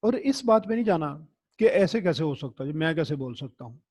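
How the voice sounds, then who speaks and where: Male teacher, higher voice. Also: big pitch swings, a little fast, a little mellow, no room sound. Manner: conversational and encouraging, tells anecdotes. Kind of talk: recorded classroom lecture.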